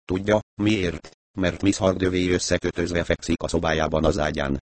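Deep-voiced man reading a crime story. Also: steady tone, no room sound. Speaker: narrator. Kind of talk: audiobook reading of a crime novel.

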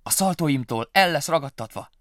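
A man's voice: lowish voice, no echo, studio quality. A man voicing a young, eager little male mouse with wings in a storybook reading. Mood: cheerful. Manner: excited, then pleading and insistent.

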